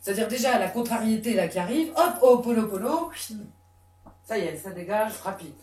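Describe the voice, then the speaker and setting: A woman psychotherapist giving a lively, conversational talk with many fillers and restarts. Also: medium pitch, moderate pace. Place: conference room. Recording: echoey room, mic far off.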